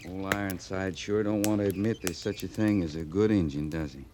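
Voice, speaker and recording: Man acting a cavalry sergeant, deep, folksy, colloquial, 1950s radio western, noisy recording. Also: a little fast, natural voice. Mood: wry.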